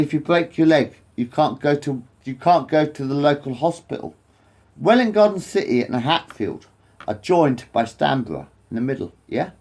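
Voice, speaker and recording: Medium in pitch and a little mellow, the voice belongs to an English man in his late forties vlogging to camera. He rambles, repeats himself, uses frequent swearing and wanders off topic.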